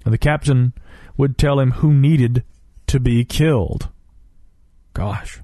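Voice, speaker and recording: A man's voice: medium pitch, steady tone, takes it slowly, warm tone, dry recording, studio quality. A man with a Southern American accent hosting a podcast, reading listener stories aloud with wry asides. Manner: wry, conversational, reads quotes then comments. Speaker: podcast host.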